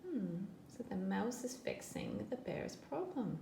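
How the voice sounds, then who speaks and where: A woman reading a picture book aloud to children, slow and expressive. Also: medium pitch, creaky, noisy background. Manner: slow, expressive, sing-song. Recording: echoey room.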